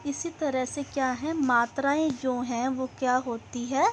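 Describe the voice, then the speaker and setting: A high-pitched woman teaching a class, speaking slowly and deliberately. She poses questions to her pupils and then answers them herself. A faint hum of noise sits behind her voice. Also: steady tone. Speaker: school teacher. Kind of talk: classroom grammar lesson.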